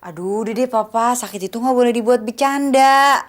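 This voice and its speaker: An actress playing a young university student who is spoiled, sharp-tongued and whiny. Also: female voice, on the high side, a little fast, close to an everyday voice. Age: young adult. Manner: snappy, whiny, casual slang.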